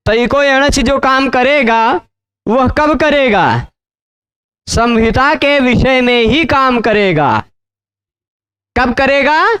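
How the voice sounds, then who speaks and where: A man's voice: very high-pitched, animated, slow pace, pauses often, a bit bright, smooth. A man teaching Sanskrit grammar in a lecture, explaining step by step, repeating key phrases and asking checking questions.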